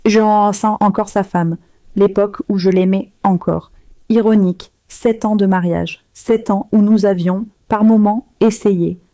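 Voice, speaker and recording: A woman reading a first-person story aloud in a slow, measured, subdued way. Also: medium pitch, fairly even intonation, warm tone, dry recording. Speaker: narrator.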